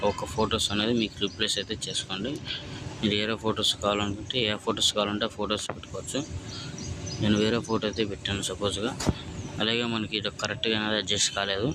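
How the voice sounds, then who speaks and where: A man's voice: on the low side, level tone, fast talker, background noise. A man hosting a casual step-by-step phone editing tutorial, who keeps checking in with "okay friends" between steps. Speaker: video editing tutorial host.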